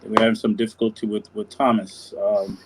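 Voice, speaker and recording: A man from Haiti, a church music director, introducing himself on a live-stream panel in a soft, hesitant way with many fillers. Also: fairly low pitch, level tone, brisk, a little hiss or hum, poor audio.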